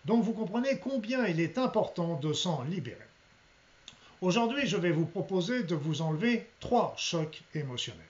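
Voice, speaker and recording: A man speaking as an energy healer, explaining and giving guided instructions to his viewers with hesitant pauses. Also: high voice. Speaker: energy healer leading a remote healing session. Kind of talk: spoken guided healing talk to viewers. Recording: dull lo-fi sound.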